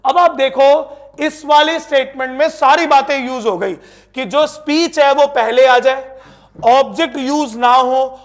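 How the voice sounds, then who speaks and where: A man with a very high-pitched voice teaches an exam-prep English grammar lesson. He keeps asking the class questions and then answers them himself. He reads English example sentences out slowly, word by word, with an Indian accent.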